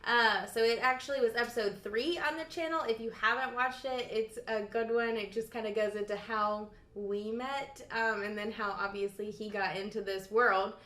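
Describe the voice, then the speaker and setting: A woman's voice: a little high, fairly even intonation, moderate pace, hardly any pauses, sharp tone, echoey room. A young woman hosting a casual, teasing interview with her partner. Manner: playful, teasing. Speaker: interviewer and channel host. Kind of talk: casual chat.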